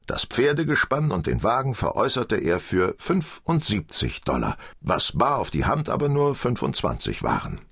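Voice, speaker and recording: Gravelly male audiobook narrator. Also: lowish voice, dry recording, studio quality. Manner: expressive storytelling.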